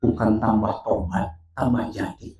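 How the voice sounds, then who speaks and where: A man preaching a sermon and telling a story, swinging between quiet and loud passages. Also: lowish voice, steady tone, a little slow. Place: church hall. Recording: echoey church hall from a distance.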